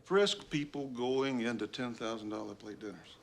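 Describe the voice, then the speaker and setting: An actor playing a pushy campaign official who talks briskly and dismissively. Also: male voice, mid-range voice, gravelly, close to an everyday voice. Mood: impatient.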